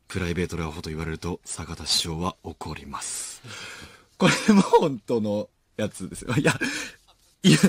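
Male late-night radio host, animated and self-mocking, a lively voice with big swings in pitch, dry close studio sound. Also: slightly rough, no room sound. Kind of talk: casual radio talk reading listener mail.

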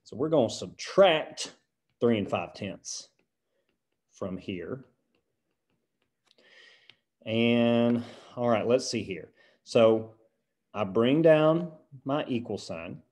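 A man's voice: mid-range voice, animated, takes it slowly, pauses often, a little mellow. A math teacher putting on a country accent to play a folksy, patient male teacher, walking through equations and checking in with "right?" as he goes. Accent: put-on American country. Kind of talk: lesson video.

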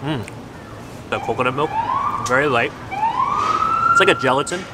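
A man's voice: mid-range voice, wildly swooping pitch, normal speed, heavy background noise. Man talking through a mouthful of food. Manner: enthusiastic tasting remarks. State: chewing while talking. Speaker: food vlogger. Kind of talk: casual food tour commentary.

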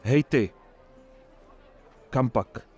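A man's voice: fairly low pitch, lo-fi sound, soft background music, natural voice. A man doing a smug menacing swordsman. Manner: mocking, smug and threatening.

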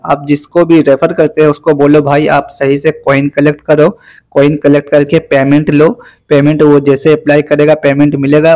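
A man walking viewers through an app in a screen-recorded tutorial, speaking slowly and deliberately with low energy as he fasts, repeating each step. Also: a little mellow. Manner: instructive, repetitive step-by-step guidance. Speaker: app reviewer.

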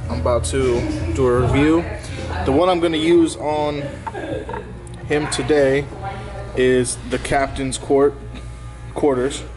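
A young man, a barber, chatting casually to a camera held at arm's length, first in his car and then in a busy barbershop, in relaxed slangy talk. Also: medium pitch, rough recording. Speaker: barber vlogger. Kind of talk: casual vlog chat.

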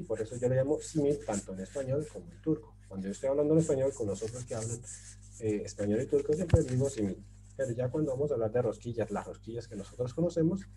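A man with a very dark, mellow voice gives a relaxed language lesson, stopping often with fillers and little checks for understanding. A faint hum sits under the recording. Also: medium pitch, rough recording. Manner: explains patiently with many fillers and checks like ¿cierto?. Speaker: Turkish language teacher. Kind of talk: casual explanatory lesson. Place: in Turkey.

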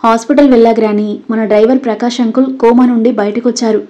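Woman reader doing a devoted young husband, gentle, reassuring, mellow tone. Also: a little high, steady tone, fast, highs cut off, lightly acted.

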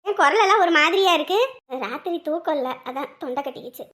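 A woman acting a tired village woman with a hoarse throat who answers quietly and wearily. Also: high voice, fast. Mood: weary. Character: tired village woman, worn out from feast work.

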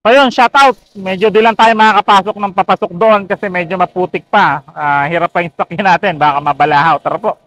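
Out on a sunny, open construction site, a real estate agent from the Philippines hosts a walking tour for his channel, speaking into a lapel mic. He's in his thirties, with a high, fairly bright voice and moderate pace, and no room sound is audible. His pitch is upbeat and filler-heavy.

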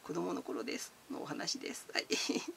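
A man's voice: fairly quick, a bit bright, a little hiss or hum. A man, chatting casually as he answers viewer comments, giggly and talkative, calling himself by his nickname. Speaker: channel host.

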